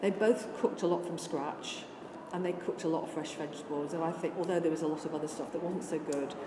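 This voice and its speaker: Speaking quickly in a low voice, an older woman from Scotland who has lost her accent answers an interview in an earnest, conversational way. She is a vegan charity worker who lists things off with many restarts, recorded in an echoey room with noise.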